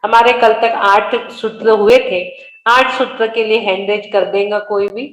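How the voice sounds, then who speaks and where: A woman's voice: medium pitch, flat delivery, a little slow, roomy sound, poor audio. A woman leading an online scripture study class, patiently correcting her students' pronunciation word by word. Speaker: religious study class teacher. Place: online video meeting.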